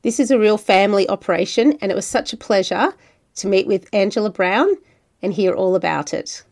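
A woman's voice: medium pitch, a little fast, darkish tone. A woman with an Australian accent hosts a wine travel podcast. She reads her narration in a friendly, conversational way and then chats easily with her guest. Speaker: podcast host. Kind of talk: scripted narration and casual interview.

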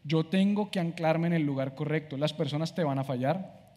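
High-voiced pastor in a hall. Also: male voice, moderate pace, mellow. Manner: conversational preaching, acts out talking to himself. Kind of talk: sermon.

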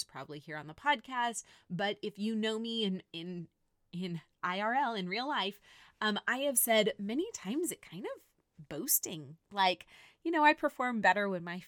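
A woman's voice: medium pitch, a bit bright, no room sound, studio quality. A woman in her thirties hosting a faith-based podcast, talking earnestly and directly to her listeners. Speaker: podcast host. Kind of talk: faith-based personal reflection.

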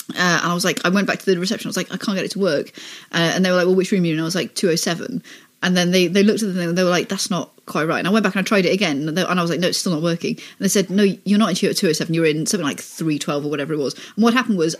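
A young woman talks in a low, husky voice, chatty and rambling as she eats through a podcast chat. She tells her stories freely, with loose, easy timing. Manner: chatty, rambling, eating while talking. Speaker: podcast guest, comedy producer and stand-up. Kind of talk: casual chat. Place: indoors at a podcast recording.

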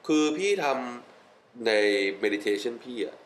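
A man's voice: fairly low pitch, slow pace, slight background noise, rough recording. A young adult man talking casually as a podcast guest, enthusiastic, often laughing and repeating words for emphasis. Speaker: wellness guest. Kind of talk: casual interview chat mixing English.

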